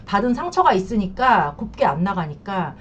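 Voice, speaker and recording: A woman's voice: medium pitch, big pitch swings, moderate pace, a little hiss or hum. A woman counselor giving frank, blunt advice on marriage after infidelity. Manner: frank, blunt, acts out quotes. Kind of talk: advice talk to camera.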